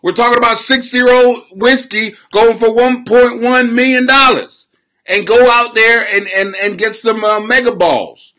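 A man in his forties ranting loudly on a live stream from a small room at home, recorded by a webcam at his desk, crude, laughing, swinging from shouting to mumbling. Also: very high voice, steady tone, unhurried. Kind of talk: rambling live-stream comedy rant.

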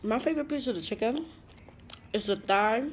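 A woman's voice: on the high side, normal speed, a little hiss or hum. A young woman vlogger chatting casually while eating, talking with her mouth full. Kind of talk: casual mukbang chat. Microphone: phone.

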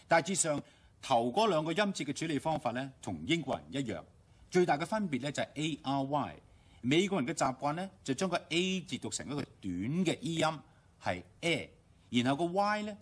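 A man with a Hong Kong Cantonese accent teaching English pronunciation on radio, explaining step by step and slowly modeling English words. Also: mid-range voice, slightly rough. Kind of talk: radio language lesson. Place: radio studio.

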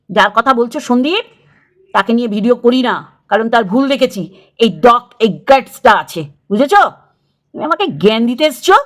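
A middle-aged woman, scolding another creator in an angry video rant, repeating her points. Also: on the high side. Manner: scolding, confrontational, repeats phrases. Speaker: YouTube creator.

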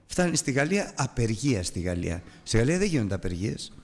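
Older guy preaching in a church hall, telling a family story, plays out the voices, mid-pitched, lots of hall reverb. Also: big pitch swings. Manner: vivid storyteller acting out voices. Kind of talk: Bible lesson with a personal story. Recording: long reverb from a large hall.

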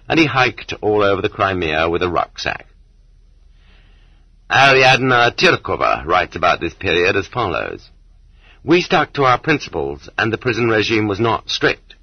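A man with a lowish, husky voice narrates a non-fiction audiobook, measured and sardonic with expressive emphasis. The recording is dry, dull and lo-fi.

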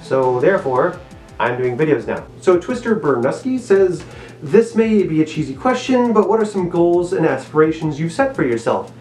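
A man's voice: a little high, sing-song, moderate pace, darkish tone, reverberant, soft background music. Man muffled inside a mask head. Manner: laid-back, chatty, self-deprecating. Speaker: vlogger answering viewer questions. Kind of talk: casual Q&A vlog.

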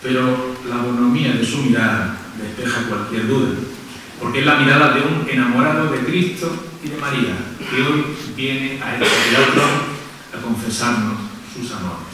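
Bright-voiced Spanish man giving formal oratory, echoing. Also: mid-range voice. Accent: Spanish from Spain. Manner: solemn, oratorical, measured phrases. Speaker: presenter introducing the proclamation speaker. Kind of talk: formal scripted introduction speech. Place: on stage in a large theatre. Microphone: podium microphone, recorded from far off. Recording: echoing theatre hall, distant, clear noise.

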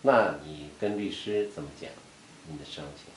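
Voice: deep voice, moderate pace. An interviewer asking brief, probing questions. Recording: echoey room with noise.

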